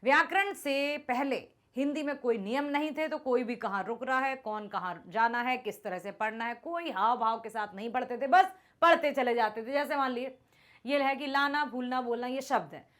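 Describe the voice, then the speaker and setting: A woman's voice: high voice, moderate pace, fairly bright tone. A woman teaching a grammar lesson, explaining patiently and often checking that students follow.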